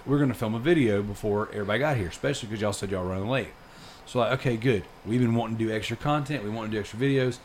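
A man in his thirties hosting a podcast, telling a long story in casual chat, rambling and animated with plenty of fillers. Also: lowish voice, a little hiss or hum. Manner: rambling and animated, lots of fillers like dude and freaking. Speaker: podcast host.

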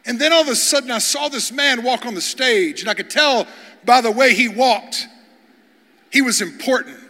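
A man's voice: extremely high pitch, normal speed, bright, forceful tone. A man preaching as a guest pastor, telling humorous stories and often repeating words as he starts sentences. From Kentucky, USA. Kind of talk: storytelling sermon. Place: large church hall before an audience. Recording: long hall reverb.

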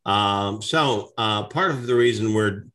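A man hosting an interview, relaxed and leaning on fillers as he talks. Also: lowish voice, measured pace. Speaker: interview host. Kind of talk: conversational interview.

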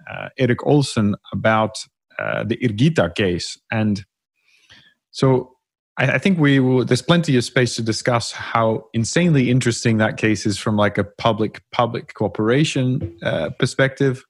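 A man's voice: medium pitch, moderate pace, no room sound. Chatty man explaining a court case. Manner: animated, self-mocking, frequent restarts. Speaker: podcast co-host. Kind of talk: casual expert discussion.

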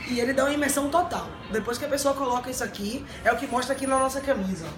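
Woman, high voice, roomy sound. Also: very fast, noisy background. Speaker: virtual reality business representative being interviewed. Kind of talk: casual on-camera interview explaining and promoting. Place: busy indoor airport stand. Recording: roomy airport sound with clear music behind.

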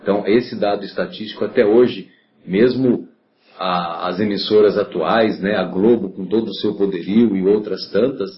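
Low-voiced co-host, matter-of-fact. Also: male voice, moderate pace, muffled recording. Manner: matter-of-fact, corrects details. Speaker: podcast co-host. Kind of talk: casual conversation.

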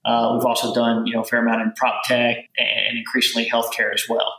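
A man in his forties with a Southern Kentucky accent, talking casually as an interview guest, halting and full of filler words. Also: mid-range voice, completely flat delivery, sharp tone. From rural Kentucky. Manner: halting, heavy use of "you know" fillers and repeated words. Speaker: venture capital guest. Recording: roomy echo.

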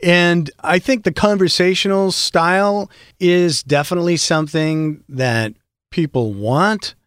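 A middle-aged man who voices for a living, talking as a podcast guest in an animated, storytelling way with frequent restarts. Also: sits high, a little slow, clear, resonant tone, no room sound, studio quality. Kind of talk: casual conversation.

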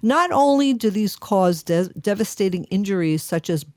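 A woman's voice: medium pitch, expressive, normal speed, a little mellow, no room sound. New york lady cohosting a radio show, earnest, lots of ums, dry close mic. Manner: earnest, chatty, reads lists aloud with many fillers. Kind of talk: casual talk radio chat.

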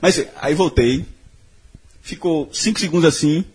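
A man's voice: fairly high pitch, unhurried, breathy edge. A young man telling a funny personal story on a podcast, laughing often and swearing freely. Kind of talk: casual chat.

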